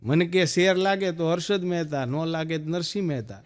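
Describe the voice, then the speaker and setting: A man with a Gujarati accent telling stand-up jokes, storytelling and acting out quick dialogue. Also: a little high, very noisy. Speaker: stand-up comedian.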